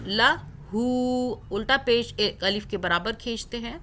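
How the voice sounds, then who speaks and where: A woman teaching Quran recitation rules step by step, drawing out the recited words slowly. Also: a little high, pushed and bright, soft background music. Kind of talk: tajweed lesson with recited examples.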